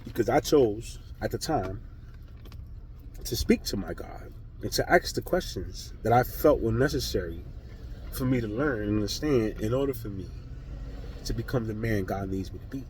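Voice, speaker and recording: A man's voice: fairly low pitch, expressive, moderate pace, darkish tone, slight background noise, low-quality recording. A man vlogging a blunt, profane spiritual monologue with heavy emphasis.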